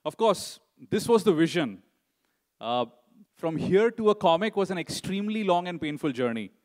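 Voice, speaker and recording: A middle-aged man giving a conference talk in a conversational way, often tagging sentences with "right?" and filling pauses with "you know". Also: high-pitched, sing-song. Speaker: conference speaker.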